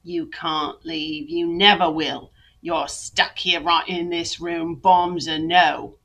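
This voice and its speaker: A woman voicing a cruel, harsh working-class London mother in an attempted Cockney accent, speaking slowly and coldly. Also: deep voice, sharp tone, exaggerated voice. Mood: cold, scornful. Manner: slow, cold, menacing.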